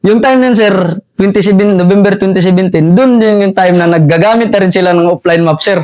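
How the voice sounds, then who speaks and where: Young Filipino soldier, high-pitched, saying "sir" constantly. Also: male voice, fairly quick, a little mellow. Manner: says "sir" after nearly every phrase, with frequent chuckles. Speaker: soldier telling his war story. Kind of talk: casual interview storytelling.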